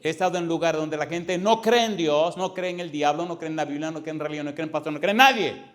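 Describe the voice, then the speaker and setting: A male pastor delivers a fervent sermon in a somewhat high voice. He stretches single words out slowly, then rushes through runs of phrases, hammering points home with repetition. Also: fairly bright tone. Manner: fervent preaching with emphatic repetition; swings between slow stressed words and fast runs.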